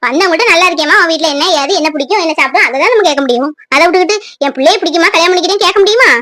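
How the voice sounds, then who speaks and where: A high, sharp cartoon mother scolding at speed, as a woman acts her out. She nags and lectures without pause, her voice bright and tense. The sound is close and dry. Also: dry recording. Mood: indignant. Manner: shrill, scolding, rapid-fire. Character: nagging middle-aged widowed mother, scolding. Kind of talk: cartoon voice acting.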